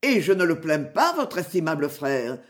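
A woman's voice: sits low, big pitch swings, normal speed. A woman reading aloud voices a fierce, mocking male outlaw who boasts and threatens. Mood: boastful.

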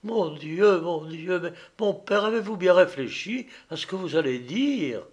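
A man's voice: high-pitched, animated, a little slow, pitched above the performer's own voice. A man reading an audiobook, voicing a proud, anguished grown son who pleads urgently. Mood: pleading.

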